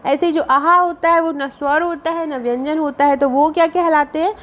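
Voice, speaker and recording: A woman's voice: high-pitched, fairly even intonation, normal speed, a bit bright. A woman, teaching Hindi grammar for an exam and explaining step by step, repeating key definitions.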